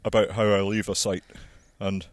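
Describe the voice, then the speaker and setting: Farmer explaining while walking outdoors. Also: male voice, on the low side, flat delivery, no echo. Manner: measured, explanatory, practical. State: slightly out of breath. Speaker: farmer and landowner. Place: outdoors on a hillside plantation.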